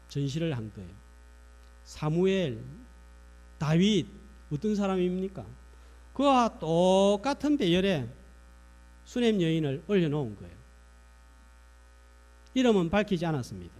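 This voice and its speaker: A man's voice: sits high, a little mellow. A man preaching a sermon in a church, asking the congregation rhetorical questions. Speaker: pastor.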